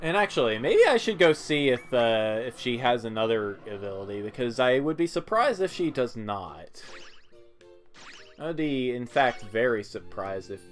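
Over video game music, a man with a mid-range, very animated voice comments on his gameplay at a moderate pace. He's laid-back and rambling, with casual, hesitant asides.

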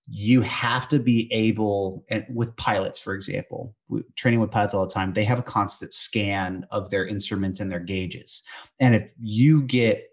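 A man in a casual podcast conversation, explaining training lessons in an emphatic, teacherly way. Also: lowish voice.

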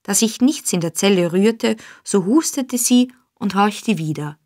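A woman narrating a classic novel as an audiobook, in a measured, even storytelling manner, on a close studio mic. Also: mid-range voice, no echo. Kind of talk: scripted narration.

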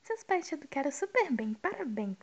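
A sarcastic teenage boy from a dating game, scolding and mocking with a high, light voice, as a woman reads him in her own voice. He talks down to whoever he addresses. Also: very animated, a little fast.

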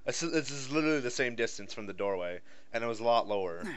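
A man's voice: mid-range voice, animated, fast talker. A man giving casual playthrough commentary, sardonic, complaining and sweary. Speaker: gamer. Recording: slightly dull lo-fi mic.

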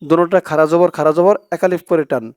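A man with a clear, smooth voice that sits a little higher than usual teaches Quran reading, breaking words into letters and pronouncing each one carefully. The recording is close and dry, with no room sound. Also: fairly even intonation, darkish tone, dry recording. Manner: slow drawn-out chanting when reciting, brisk plain explaining between. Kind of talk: recitation lesson, spelling out letter by letter.

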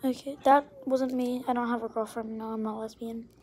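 Whiny young woman vlogging, high voice. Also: level tone, a little fast, darkish tone, slight background noise. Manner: whiny, dramatic, drops into whispers. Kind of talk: casual vlog talk to camera.

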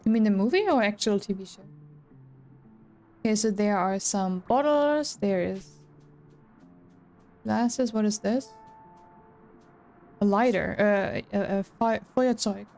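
A woman's voice: mid-range voice, measured pace, pauses often, a little mellow. A woman, chatting casually to her viewers while playing a game. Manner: chatty, talks to chat. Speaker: streamer. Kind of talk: casual gameplay commentary. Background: game music.

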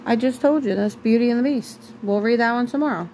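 A mother reads a bedtime story to her child at home. Her voice sits fairly high and breaks off now and then to talk with the child. A faint hiss runs behind it. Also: brisk, warm tone, rough recording.

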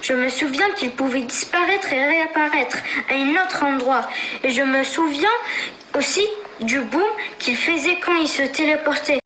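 A woman's voice: high-pitched, moderate pace, sharp tone. A woman reading a children's story aloud as its narrator. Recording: roomy recording with faint noise.

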